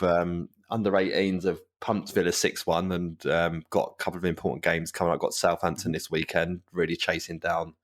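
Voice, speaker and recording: A man co-hosting a football fan podcast in casual chat, rambling through asides and laughing often. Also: low-pitched. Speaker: podcast co-host.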